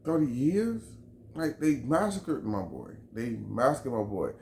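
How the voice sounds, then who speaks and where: His medium-pitched voice is creaky and darkish, swinging widely in pitch at a measured pace over slight background noise. A vlogger from Chicago, he delivers a heated, profane opinion rant to camera, emphatic and repetitive. The room is echoey with faint background ambience.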